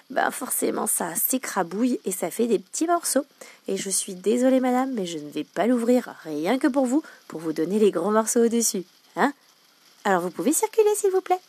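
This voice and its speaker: A woman's voice: fairly high pitch, darkish tone, husky. A woman podcaster telling comic stories from her shop job in a chatty, playful way, full of fillers. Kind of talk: comic anecdote monologue.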